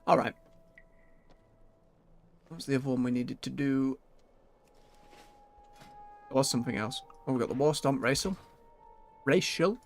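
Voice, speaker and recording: A video game streamer gives casual commentary on his gameplay, chatting and muttering to himself with faint music in the background. His voice is mid-range and a little slow, with frequent pauses.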